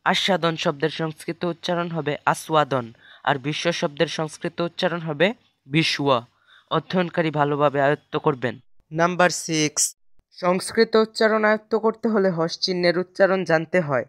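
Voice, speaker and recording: A man teaching pronunciation in a measured, scripted narration, slowing down to model each word. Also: fairly high pitch, a bit bright.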